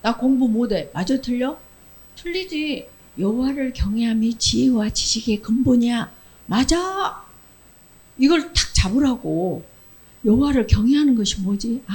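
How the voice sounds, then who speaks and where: A woman's voice: on the high side, poor audio. Lady preacher talking to kids at church, keeps asking them questions then answering, acts out little voices. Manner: lively, asks the children questions and answers them herself; acts out short quoted lines in character voices. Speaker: Sunday school preacher. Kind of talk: children's sermon.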